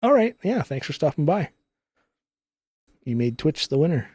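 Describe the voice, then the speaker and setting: Man streaming games, mellow, heavily compressed voice. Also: a little high, animated, normal speed, slightly rough, no echo, studio quality. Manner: rambling, explains technical details while playing. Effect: audio compressor on voice. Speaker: live-streaming gamer and host. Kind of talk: casual live game stream commentary. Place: recording studio. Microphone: studio microphones through a multichannel input.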